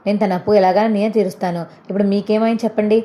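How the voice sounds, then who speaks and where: A woman's voice: medium pitch, flat delivery, rapid-fire, warm tone, natural voice. A woman voicing a defiant young wife who stands her ground against her mother-in-law.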